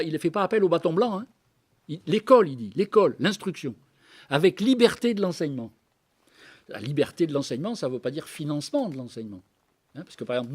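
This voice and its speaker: Man, somewhat high voice, guest speaker at a debate, conversational lecture, frequent hesitations and asides. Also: darkish tone, breathy edge. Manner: reads historical documents aloud. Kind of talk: public talk to a live audience.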